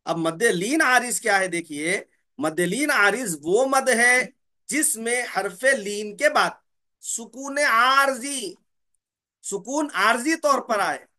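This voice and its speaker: With a very high-pitched, animated voice and sharp tone, a man teaches a slow explanatory lesson on Quran recitation. He drawls letter names slowly, repeats key terms, and both asks and answers his own questions.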